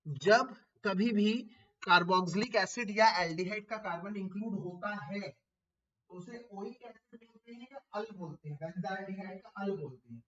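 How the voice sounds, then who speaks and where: A man teaches an online chemistry class, explaining step by step, repeating key terms, and asking his students questions while calling them beta. His voice sits high, unhurried and fairly bright, on a lo-fi recording with a little hiss or hum.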